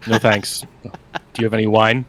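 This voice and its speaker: A man's voice: fairly low pitch, little pitch movement, normal speed, a bit bright, slight background noise. A man chatting casually as a player in a tabletop role-playing game.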